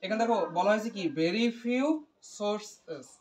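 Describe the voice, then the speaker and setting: A man's voice: high-pitched, measured pace. A man tutoring English grammar, asking questions and repeating the student's answers, explaining step by step. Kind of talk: English grammar lesson with call-and-response.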